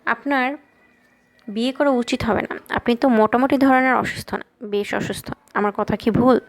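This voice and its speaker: A woman's voice: a little high, moderate pace, lightly acted. A woman reading the lines of a frank, questioning teenage girl in an audiobook. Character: blunt teenage girl, sharp and protective.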